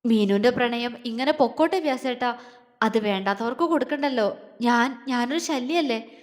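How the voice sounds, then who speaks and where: A tearful young woman, defiant and wounded, high in pitch, as the storyteller gives her voice. A long hall reverb hangs behind her. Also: moderate pace, close to an everyday voice. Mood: sobbing. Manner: defiant then sobbing.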